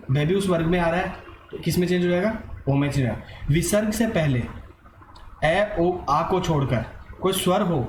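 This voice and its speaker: A man's voice: on the high side, reverberant, slight background noise, low-quality recording. A man teaching an online grammar lesson, asking and answering his own questions and mixing in English words.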